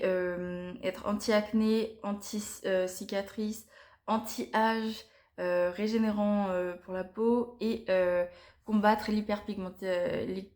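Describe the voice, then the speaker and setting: A young woman reviewing beauty products to camera in a casual, chatty way, often pausing and restarting her sentences. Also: mid-range voice, darkish tone. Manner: chatty and hesitant, frequent pauses and restarts. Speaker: beauty vlogger.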